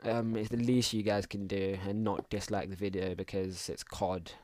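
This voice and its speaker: A young man with a lowish voice rambles and mutters as he plays, trailing off into half-finished asides. His homemade recording carries a clear hiss and faint clicking in the background. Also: flat delivery, moderate pace, darkish tone. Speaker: gaming channel host. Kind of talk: casual let's play commentary.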